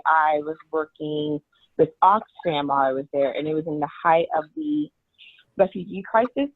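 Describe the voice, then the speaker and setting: A woman's voice: fairly low pitch, narrow, tinny audio, slight background noise. A woman guest on a podcast, speaking in an earnest, flowing way over a remote line. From United States. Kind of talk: interview answers.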